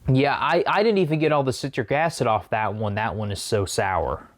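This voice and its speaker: A man's voice: medium pitch, normal speed. A man talking casually to camera as a food challenge vlogger while eating sour candy.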